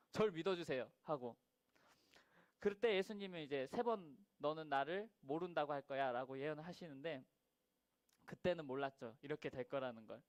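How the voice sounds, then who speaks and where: A man with a high voice gives a children's sermon, acting out each character's lines and putting questions to the kids. The sound is dry and close, with no room echo. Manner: animated storyteller who acts out quoted lines and asks the children questions. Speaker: children's ministry preacher. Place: church worship room.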